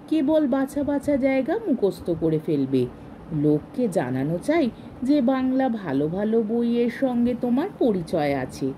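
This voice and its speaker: A woman's voice: on the high side, warm tone, slight background noise, low-quality recording. A woman reading a story aloud and voicing a strict, haughty woman who lectures on manners in a scolding way.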